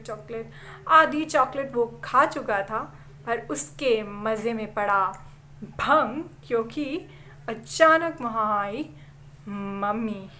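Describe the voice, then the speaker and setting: A woman telling a childhood story at a storytelling event, dramatic, with pauses and repeated words. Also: a little high, a bit bright, slight background noise. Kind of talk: oral storytelling of a childhood memory.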